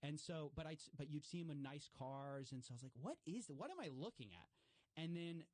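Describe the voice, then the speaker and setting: A man talking casually as an interview guest. He explains fraud cases with lots of fillers and restarts, and he jumps higher when he acts out what other people said. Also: a little fast, no echo. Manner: animated, acts out quoted remarks with raised pitch. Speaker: guest commentator on fraud stories.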